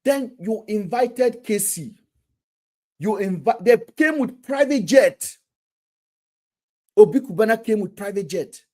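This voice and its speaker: A man's voice: sits high, animated, unhurried, long pauses, a little mellow. A man hosting a casual live stream, talking animatedly and often restarting his words.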